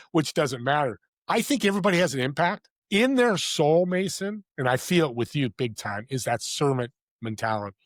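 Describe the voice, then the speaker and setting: A man, a podcast guest who also hosts a podcast, telling motivational stories in an animated, heartfelt way that drops from loud emphasis to hushed quiet. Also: mid-range voice, dry recording, studio quality. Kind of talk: earnest motivational storytelling.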